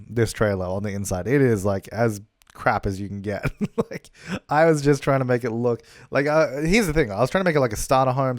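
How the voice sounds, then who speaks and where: A young man, a gaming YouTuber, chats casually over gameplay, rambling with plenty of fillers and laughs. His mid-range voice has a darkish tone and sounds a little worn. Though he's recording in a hotel room on a travel setup, the audio is dry and clean, like a studio.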